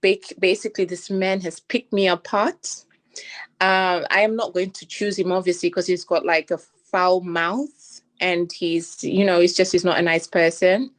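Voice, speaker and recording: A woman with a somewhat low voice speaks candidly on a podcast, often restarting her sentences. Her tone is earnest and personal. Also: steady tone, a little slow. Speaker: podcast co-host. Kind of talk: casual chat.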